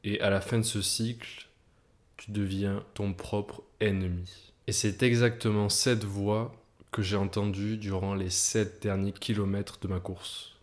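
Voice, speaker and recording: A man with a fairly low voice tells a personal story straight to the camera in a motivational monologue. He speaks to the listener as if to one person and leans on repetition to build tension. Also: level tone, measured pace. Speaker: video creator.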